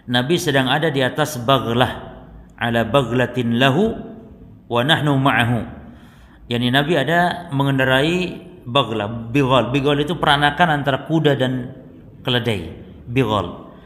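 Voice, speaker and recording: A man's voice: medium pitch, a little slow, long pauses, a bit bright. A male Islamic teacher giving a religious study lesson. He recites Arabic texts and then explains them to the congregation. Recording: reverberant hall.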